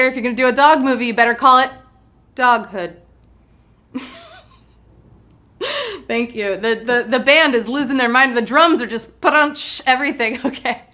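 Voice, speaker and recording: Her fairly high voice is bright and forceful as she runs a live trivia game show, joking, punning, and chatting with players. She comes across as bubbly, and faint music sits in the background.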